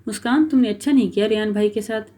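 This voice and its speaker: A woman reading the lines of a sharp-tongued young wife, taunting and mocking. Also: medium pitch, creaky, close to an everyday voice. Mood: scolding.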